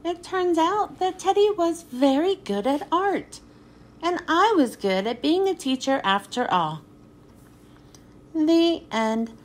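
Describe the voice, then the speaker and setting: In an extremely high-pitched voice, a woman reads a children's picture book with expressive storytelling, then thanks the people listening.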